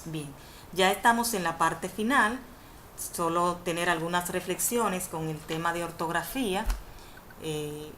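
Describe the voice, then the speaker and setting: A female university facilitator from the Dominican Republic delivers a patient, didactic webinar lecture on Spanish spelling, indoors over an online video call. Her lowish voice is a little slow and fairly bright; she repeats definitions and self-corrects with "perdón," with a faint hiss behind the webinar audio.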